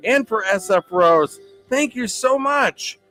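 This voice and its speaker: A man hosting a casual livestream hangout, chatty and upbeat, laughing often as he reads viewer comments and thanks people warmly. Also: high-pitched, animated, slow pace, faint music behind. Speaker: livestream host. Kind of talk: casual live-stream chat, reading comments.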